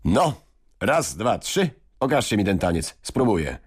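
A man voicing a brisk, blunt medieval king who speaks in a brusque, commanding way. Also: low-pitched, wildly swooping pitch, pitched above the performer's own voice, exaggerated voice.

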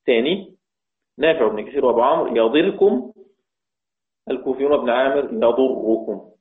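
A man with an Egyptian accent teaching the variant Quran readings, repeating each phrase and chanting the quoted verses slowly. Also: medium pitch. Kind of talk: religious lesson explaining readings. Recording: echoey, tinny phone-like sound.

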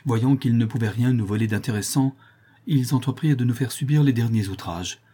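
A man's voice: mid-range voice, brisk, mellow, breathy edge, lightly acted. A man reading aloud and voicing a distraught young nun, broken and ashamed, with anguished, pleading speech.

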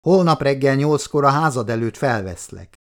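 A man reading as a brisk, self-assured insurance agent, his voice a touch higher than the narration and carrying a gravelly, rough edge. He speaks in an upbeat, businesslike way in an audiobook. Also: expressive, lightly acted. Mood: eager.

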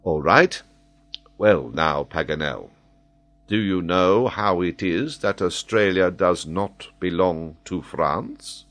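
A man voices a calm, shrewd army major in a storybook, teasing dryly in an understated, deadpan way. His delivery is low-pitched, slow and exaggerated.

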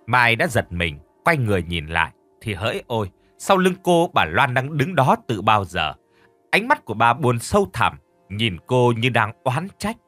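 A male narrator reads a horror story with lively, sweeping intonation at a middle pitch. He slows and speeds up for suspense. Quiet music runs under his voice. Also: no room sound. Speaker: audiobook narrator.

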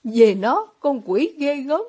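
A woman voicing an intense, tormented young man with sharp outbursts and stammered questions, read as an audiobook. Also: on the high side, animated, moderate pace. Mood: frantic. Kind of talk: audiobook reading of dialogue.

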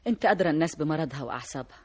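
An actress playing Nemaa, a soft-spoken, deferential young Egyptian woman in an old radio drama. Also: deep voice, lively intonation, rapid-fire, a little hiss or hum. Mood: gentle. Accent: Egyptian Arabic.

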